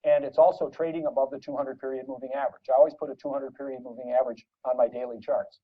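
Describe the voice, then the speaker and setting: A man teaching trading in a measured, explanatory way, heard as a re-recorded playback of an old recording. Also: mid-range voice, fairly even intonation, breathy edge. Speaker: trading instructor. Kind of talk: instructional lecture. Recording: muffled, distant re-recorded playback.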